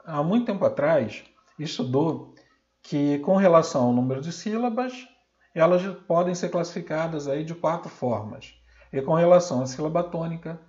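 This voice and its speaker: A Brazilian Portuguese man teaching a recorded grammar lesson, sounding out example words slowly and loudly. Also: fairly high pitch, lo-fi sound.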